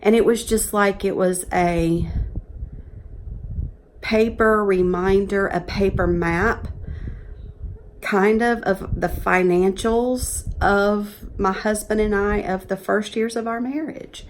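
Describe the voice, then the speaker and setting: A woman's voice: medium pitch, steady tone, takes it slowly, slight background noise. A woman, talking earnestly and chattily to camera in a casual vlog. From Georgia, USA. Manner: earnest, chatty, emotional at times. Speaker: professional organizer vlogger.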